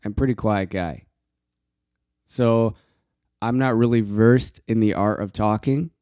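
A quiet man hosting a casual solo podcast, talking in short halting bursts and pausing often for breath. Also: on the low side, no echo, studio quality. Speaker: podcast host.

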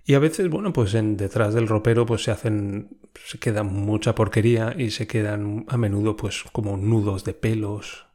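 A man's voice: fairly low pitch, normal speed, mellow. A man hosting a casual podcast monologue in a chatty way, laughing often and swearing freely. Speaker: podcast host.

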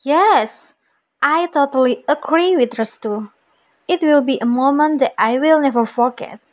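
A woman's voice: high voice, unhurried. A young woman with an Indonesian accent playing an eager friend in a recited English dialogue about plans with friends, speaking carefully. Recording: muffled lo-fi recording.

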